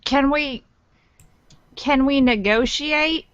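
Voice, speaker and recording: A woman's voice: sits high, slow, fairly bright tone, no room sound, lo-fi sound. A woman speaking casually as a player in a tabletop role-playing game. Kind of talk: casual role-play chat.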